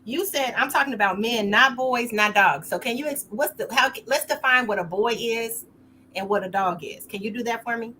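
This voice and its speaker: A woman's voice: on the high side, moderate pace, sharp tone, slight background noise. A woman hosting a talk show, asking playful, probing questions. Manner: playful, probing, laughs often. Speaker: host.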